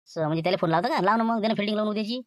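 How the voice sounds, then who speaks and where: A woman's voice: medium pitch, no room sound, clean studio sound, natural voice. A woman with a Varhadi Marathi accent playing an anxious accomplice who keeps warning against the plan. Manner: anxious, cautioning, very rapid. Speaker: worried accomplice in a comedy skit.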